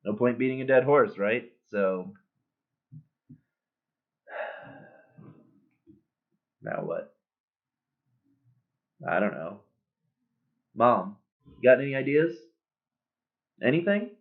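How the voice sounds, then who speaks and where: A man cold-reading a bitter, sardonic middle-aged male horse who was once a star, joking in a deadpan way, recorded on a built-in webcam mic. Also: medium pitch, extremely slow, long pauses. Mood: sardonic eulogy. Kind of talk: cold-read monologue. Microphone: built-in computer webcam mic. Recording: tinny, phone-like webcam audio.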